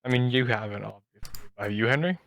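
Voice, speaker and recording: A young American man co-hosts a podcast, chatting casually with his friends. His mid-range voice is a little fast and creaky, with a fairly bright tone.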